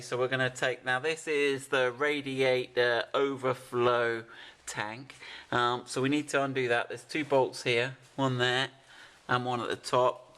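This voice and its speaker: A man's voice: medium pitch, bright, forceful tone, smooth. A man casually explaining a car fitting job step by step while directing helpers beside an open engine bay. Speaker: presenter of a car fitting video. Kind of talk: casual hands-on how-to explanation.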